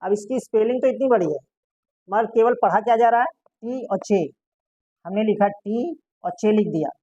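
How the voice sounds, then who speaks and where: A woman's voice: mid-range voice, normal speed, warm tone, dry recording. Lady teacher going over a lesson, quizzes then answers herself, dry close sound, kinda dull and lo-fi. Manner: asks questions and answers them herself. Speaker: shorthand teacher. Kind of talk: classroom lesson explaining.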